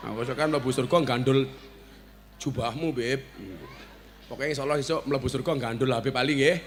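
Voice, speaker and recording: A man with a Javanese accent preaching a humorous sermon, joking and bantering with the audience and now and then breaking into shouts. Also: medium pitch, brisk, some chatter behind. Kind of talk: humorous sermon at a village gathering.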